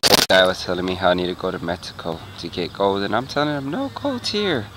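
A man's voice: low-pitched, expressive, fast talker, very noisy. A man chatting casually to his viewers while metal detecting outdoors in a park. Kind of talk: casual narration to camera.

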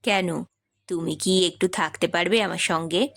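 A woman voicing a restless married man in an audiobook, speaking his lines lower. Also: steady tone, normal speed. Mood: gentle. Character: married man narrator, Lalatuda, wistful and restless.

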